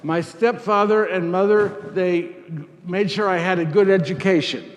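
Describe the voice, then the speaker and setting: A man portraying Saint Luke, an earnest old-world physician who rambles and circles back on his own phrases. His voice sits fairly high, and it carries through a hall with a long echo and faint background noise. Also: moderate pace, natural voice. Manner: rambling, repeats phrases, answers questions in character. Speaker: costumed presenter. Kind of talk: first-person character talk with audience. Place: parish hall before an audience.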